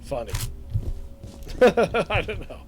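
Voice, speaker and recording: A man's voice: high-pitched, very animated, drawn-out words, heavy background noise. A man giving casual, chatty let's-play commentary as he plays through a shooter game, often chuckling at it. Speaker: gaming channel host.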